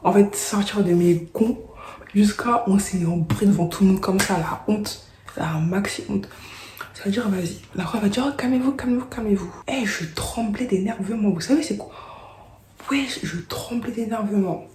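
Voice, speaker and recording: A young woman telling a storytime vlog in slangy, animated chat, dropping into whispered asides. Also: medium pitch, normal speed, a little hiss or hum. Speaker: vlogger. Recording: roomy echo.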